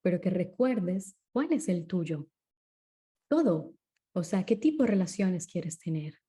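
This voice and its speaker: A woman speaking as an interview guest, explaining ideas in a calm, unhurried way and often checking in with short tag questions. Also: fairly low pitch, husky.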